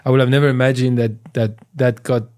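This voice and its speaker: This podcast guest is a comedian from France whose French-accented voice sits at medium pitch and moves a little fast. Chatting casually, he spins lively stories and performs the voices of anyone he quotes.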